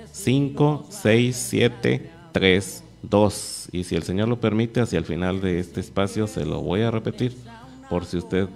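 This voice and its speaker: A man preaching a sermon as pastor, earnest and measured, thanking his listeners at length. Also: fairly low pitch, a little mellow. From Mexico.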